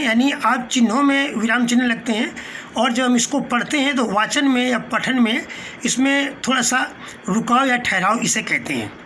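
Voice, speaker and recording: A man's voice: extremely high pitch, bright, forceful tone. Male teacher, patient lecturing tone, stops on fillers, glosses terms, faint hiss. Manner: patient and explanatory, glossing Hindi terms with English words; pauses mid-phrase with short fillers. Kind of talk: spoken lecture.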